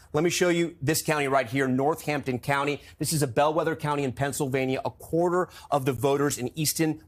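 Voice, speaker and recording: An American man presenting figures live as a television news correspondent, explaining them step by step. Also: fairly high pitch.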